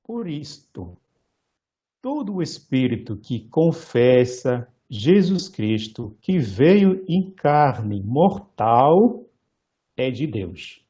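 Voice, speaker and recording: A male priest giving a lecture-style sermon, slow and measured, pausing often and correcting himself mid-word. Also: mid-range voice, very animated, mellow.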